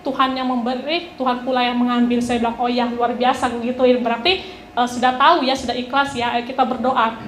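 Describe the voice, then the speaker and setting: A woman recounts a personal testimony during a church service, telling it in a conversational way and quoting others as she goes. Her voice sits fairly high. The sound carries the echo of a large church hall with faint ambience behind it. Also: a little hiss or hum. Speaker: church speaker giving a testimony.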